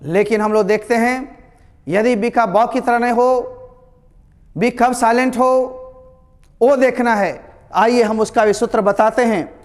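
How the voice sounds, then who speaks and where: A man teaching English pronunciation to his students, explaining slowly and repeating each word, calling them his children. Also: extremely high pitch, fairly even intonation. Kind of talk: classroom lesson. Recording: long reverb.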